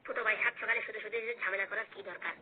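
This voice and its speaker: A woman's voice: mid-range voice, fairly even intonation, racing, a little hiss or hum, lightly acted. A woman voicing a tired older brother who pleads for peace in a comedy skit. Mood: weary pleading. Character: elder brother Hagu-da, older man, weary peacemaker. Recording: phone-like narrow sound.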